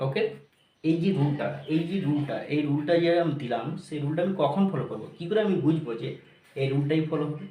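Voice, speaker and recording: A man teaching grammar, mixing English phrases into his explanations, repeating each point and checking whether his students are clear. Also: a little high, expressive, brisk, dark tone, roomy sound.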